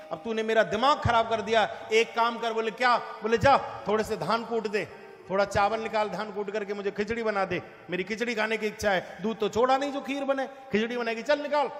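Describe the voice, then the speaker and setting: A man's voice: sits high, moderate pace, a bit bright. A man giving a devotional storytelling sermon, acting out the characters' dialogue in his own voice. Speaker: preacher. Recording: echoey hall.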